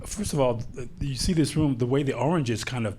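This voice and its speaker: A man's voice: mid-range voice, fairly quick, darkish tone, slight background noise. A man hosting a film interview, talking with enthusiastic analysis and tripping over his words. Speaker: interview host. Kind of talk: conversational interview.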